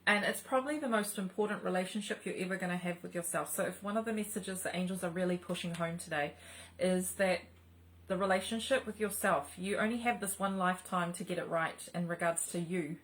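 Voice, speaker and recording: Rambling middle-aged woman, lowish voice. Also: a little fast, a bit bright, poor audio. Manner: rambling, many fillers and restarts. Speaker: spiritual channel host. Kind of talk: casual spiritual talk.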